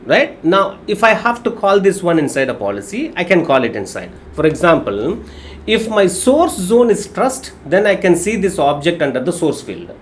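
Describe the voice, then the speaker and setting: A man's voice: sits high, big pitch swings, normal speed, a little hiss or hum. A man with a Telugu Indian English accent giving a live technical lesson, explaining step by step and often checking understanding with short tag questions. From Telugu-speaking region of India. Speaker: technical instructor.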